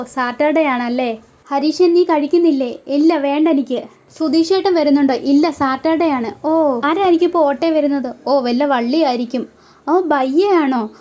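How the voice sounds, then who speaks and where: A woman's voice: high voice, a little mellow. A woman retelling a TV serial episode. She speaks every character's lines in turn and adds short asides saying who is talking.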